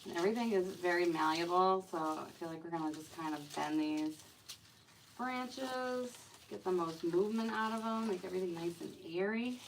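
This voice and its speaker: A woman's voice: on the low side, moderate pace, slight background noise, low-quality recording. A woman chatting casually during a live stream as she designs a wreath, rambling with lots of fillers and talking to herself as she works. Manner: talks to herself while working. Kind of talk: casual live-stream chat while crafting.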